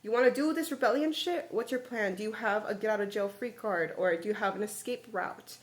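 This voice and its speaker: A man's voice: sits high, brisk, natural voice. A woman voicing a stern young male captain of the guard, who fires off blunt, exasperated questions.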